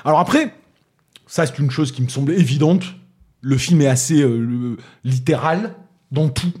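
A man with a Toulouse accent reviewing a film in casual chat, hesitant with many fillers and restarts, but animated in his critique. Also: fairly high pitch, moderate pace, slightly rough.

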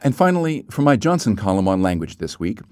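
A man hosting a news podcast, reading scripted links in a measured, dry way. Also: on the low side, sing-song, a little mellow, no echo, soft background music. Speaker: podcast host.

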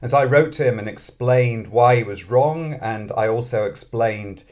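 As an interview guest, a mathematics professor and author talks casually in a British accent, thinking aloud and downplaying himself. Raised in Scotland, he speaks at a moderate pace in a mid-range, darkish voice.

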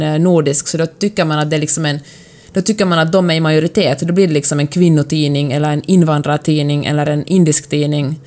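A woman's voice: deep voice, a little mellow. Finland-Swedish woman in casual podcast talk. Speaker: podcast co-host. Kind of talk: casual conversational discussion.

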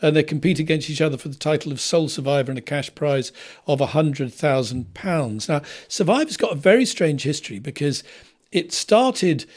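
A man's voice: on the high side, lively intonation, normal speed, a little mellow. A man co-hosting a TV podcast, reviewing shows in a wry, discursive way. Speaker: podcast co-host. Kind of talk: casual review chat.

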